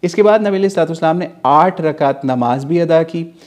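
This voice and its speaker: A man's voice: a little high, fairly quick, a little mellow. A man from Pakistan giving an Islamic history class, retelling events in a storytelling way, asking and answering his own questions and mixing in English words. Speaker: religious teacher.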